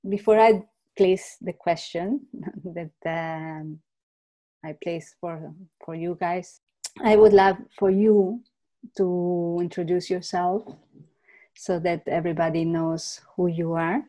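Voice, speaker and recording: A woman hosting a casual interview, friendly and quick to laugh. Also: fairly low pitch, fairly even intonation, dark tone. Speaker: host.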